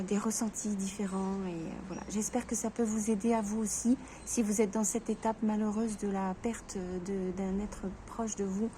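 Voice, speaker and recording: A woman in a personal vlog, talking to viewers in a halting way, stammering and restarting her sentences. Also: mid-range voice, mellow, slight background noise. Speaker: vlogger.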